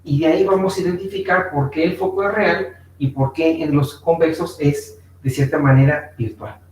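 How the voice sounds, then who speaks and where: A man's voice: on the high side, fairly even intonation, moderate pace. A man teaching a physics class, explaining step by step with frequent fillers and checking in with his students, with a Mexican Spanish accent. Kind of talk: online class lecture. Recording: echoey room, distant mic, faint noise.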